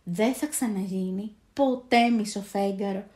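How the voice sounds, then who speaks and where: A woman's voice: mid-range voice, dark tone, roomy sound, natural voice. A woman voicing a small, eager young male moon-coverer in a storybook tale, who talks earnestly and cries out with all his strength. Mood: worried pleading.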